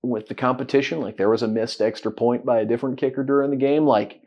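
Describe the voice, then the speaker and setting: A man's voice: medium pitch, fairly even intonation, fast talker, lo-fi sound. A man co-hosting a sports podcast in casual chat. He jokes around and laughs easily. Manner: joking and chatty, laughs easily. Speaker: podcast co-host.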